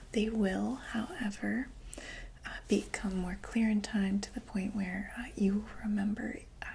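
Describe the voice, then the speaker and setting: Speaking in a breathy whisper, a woman voices a comforting doctor for monsters in an ASMR roleplay, her explanations soft and a little hesitant. The pitch is medium and the audio quality is poor.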